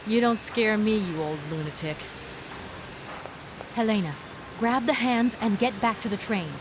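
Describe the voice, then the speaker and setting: A woman's voice: medium pitch, unhurried, very noisy, natural voice. A woman playing a brave, determined young adventurer in a video game, with a tough-girl, defiant manner. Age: young adult.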